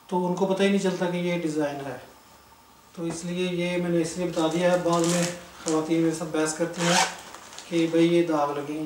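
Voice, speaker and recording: A man, a clothing seller briskly listing items in a sales walkthrough. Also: on the high side. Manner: brisk, matter-of-fact listing. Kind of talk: product walkthrough sales pitch. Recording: echoey room, distant mic, background noise.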